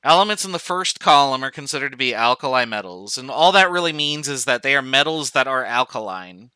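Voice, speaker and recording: A man's voice: mid-range voice, expressive, a little fast, sharp tone, smooth, no echo. A man teaching an online chemistry class in a casual, joking way, thinking aloud with fillers as he goes. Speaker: chemistry professor. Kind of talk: online lecture.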